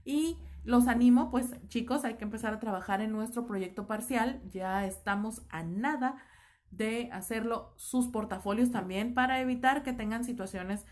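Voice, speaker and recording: A woman teacher with a Mexican Spanish accent, explaining a class lesson with many fillers and pauses. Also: on the high side. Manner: explanatory, lots of fillers like "este" and "eh". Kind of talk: online class lecture.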